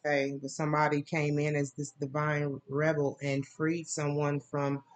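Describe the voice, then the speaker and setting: A woman's voice: monotone, moderate pace. A woman giving a casual tarot reading, talking in a rambling, loose way with plenty of fillers. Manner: bursts into laughing, high-pitched mimicry. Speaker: tarot reader.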